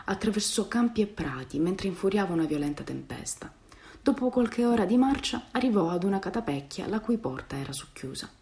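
Expressive woman reading a fairy tale. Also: medium pitch, a little fast. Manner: expressive, softens for sad passages. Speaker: narrator. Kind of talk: storybook reading.

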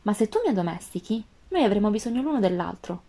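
Woman reading a wise gentle fox. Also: medium pitch, lively intonation, fast. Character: gentle wise female fox, patient and wistful. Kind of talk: storybook reading.

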